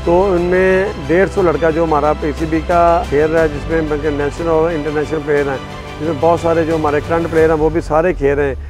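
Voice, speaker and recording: Seated on the field of a cricket stadium, the middle-aged Pakistani caretaker talks to camera in an informal sports documentary interview. His voice is slightly high, a little fast, with little pitch movement; a lapel mic captures him as music plays underneath.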